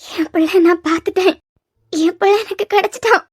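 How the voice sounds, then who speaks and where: A grieving cartoon mother with a Kanyakumari Tamil accent, pleading over and over through tears, as a woman voices her. Her voice is very high. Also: steady tone, brisk, background noise. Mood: tearful. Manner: pleading, tearful, repetitive. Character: grieving elderly mother begging her lost son's forgiveness. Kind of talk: cartoon web series voice acting.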